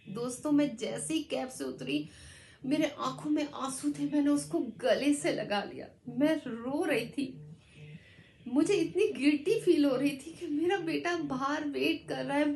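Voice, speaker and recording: A woman's voice: high-pitched, a little mellow. A middle-aged woman, an actress telling a heartfelt personal story and calling the viewers her friends. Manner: earnest and emotional, addresses viewers as friends. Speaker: actress sharing a life story.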